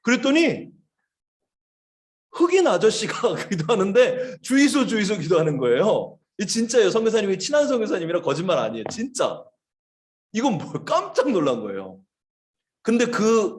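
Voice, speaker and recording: A man, a missionary, giving a lively children's sermon, telling stories and asking the kids questions. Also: fairly high pitch. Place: church service, online.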